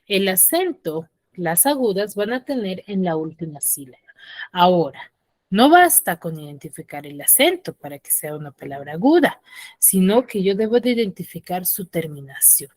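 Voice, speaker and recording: A woman's voice: lowish voice, very animated, normal speed, a little mellow, dry recording. A woman teaching a secondary school class over a video call, quizzing her students and checking often that they follow. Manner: quizzes the students, often checks understanding with short tag questions.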